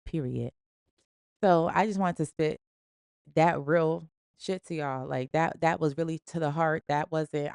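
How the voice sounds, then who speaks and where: Gravelly-voiced woman giving slangy pep talks. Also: deep voice, a little mellow, dry recording, studio quality. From Springfield. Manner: emphatic, slangy, preachy pep talk. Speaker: podcast host. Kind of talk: casual motivational monologue.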